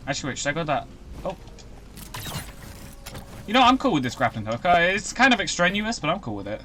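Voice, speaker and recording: A young man chatting casually as he streams a video game, rambling and breaking into excited outbursts. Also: a little high, fairly quick, slight background noise. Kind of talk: casual live-stream commentary.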